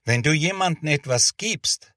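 A man voicing a patient female children's teacher in a storybook reading, calm and instructive. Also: on the high side, unhurried, no room sound, clean studio sound, voice pushed up.

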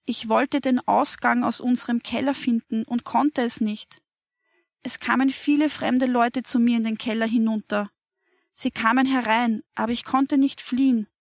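A woman voicing a frightened young boy who has just woken from a nightmare, telling it in a shaken, rushed way. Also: on the high side, dry recording, clean studio sound.

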